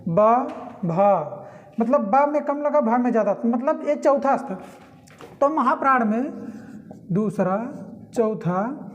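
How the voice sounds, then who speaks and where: A woman teaching Hindi grammar, explaining consonant types and slowly sounding out syllables to demonstrate them. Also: a little high, muffled recording. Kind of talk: classroom-style lesson explaining consonants.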